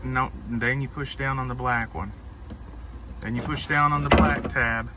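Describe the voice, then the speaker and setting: A man's voice: mid-range voice, steady tone, measured pace, very noisy. A man giving a patient step-by-step car repair walkthrough, guiding a helper as he goes.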